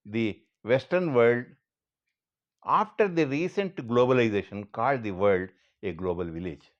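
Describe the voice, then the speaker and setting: A man's voice: mid-range voice, highs cut off. A man with an Indian accent delivering a scripted monologue, speaking earnestly and directly to the person he addresses.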